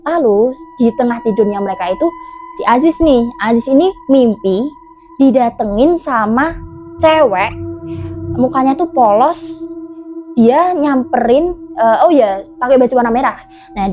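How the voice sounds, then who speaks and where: A woman's voice: a little high, a little mellow. A woman casually retelling a mountain-camping ghost story, chatty and full of fillers and self-corrections.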